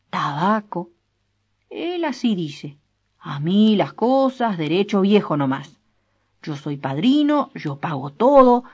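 A woman voicing a drunk, boastful rural man who rambles loudly and drags out his words. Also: on the low side. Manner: loud, drawn-out, rambling. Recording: dull lo-fi recording.

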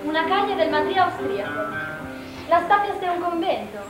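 Woman narrating a play, high voice, loud music behind, kinda echoey. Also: very animated, normal speed. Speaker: narrator of stage directions. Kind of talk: scripted theatrical narration.

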